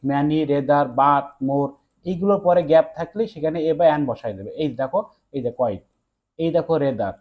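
A young man teaching an exam-prep English lesson, talking quickly to his students and telling them again and again to look at the board. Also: on the high side, mellow. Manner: rapid, repeats "look" to students.

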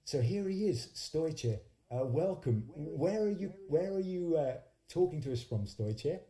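This man in his forties, a singer-songwriter acting as host, has a warm, fairly high voice with lively intonation and a measured pace. Between songs he tells casual stories in hesitant phrasing that frequently restarts, recorded indoors in a small home studio through a stand-mounted condenser mic on an echoey, roomy livestream.

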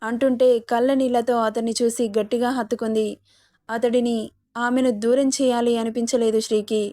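Woman narrating a story, even and dry. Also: a little high, moderate pace, no echo. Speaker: storytelling channel host.

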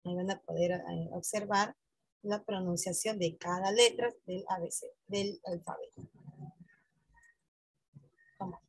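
Husky-voiced woman teaching English. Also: on the low side, steady tone, unhurried, pauses often, no room sound, low-quality recording. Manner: says each phrase in English and then in Spanish; often checks in with a tag question. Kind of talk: online English lesson for school students.

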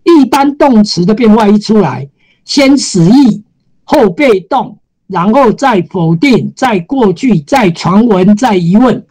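A woman's voice: medium pitch, animated, slow pace, darkish tone, poor audio. A woman teaching a Japanese grammar class in Taiwanese Mandarin, explaining patiently and repeating key terms. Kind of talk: classroom lecture.

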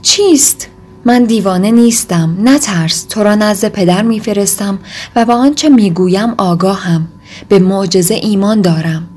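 A woman's voice: medium pitch, mellow, slightly rough, close to an everyday voice. A woman reading a brooding desperate young man. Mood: intense. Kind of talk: audiobook reading.

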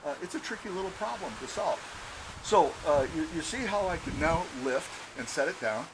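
A man's voice: on the high side, expressive, moderate pace, background noise. An older man hosting a casual workshop vlog, talking in a rambling way with frequent fillers and restarts. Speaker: glider builder and channel host. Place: home garage workshop.

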